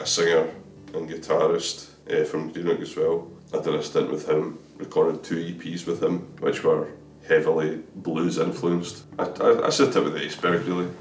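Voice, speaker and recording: Speaking with a deep voice, a drummer from Scotland chats openly as an interview guest, frequently stumbling and starting over. The casual conversation was captured from afar in an echoey room, with a little background noise.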